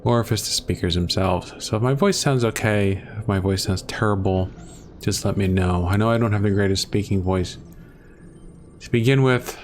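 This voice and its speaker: A man hosts a gaming channel, rambling and self-deprecating as he thinks aloud through casual gameplay commentary. His low voice is picked up by a close desktop microphone at home, with a little hiss or hum.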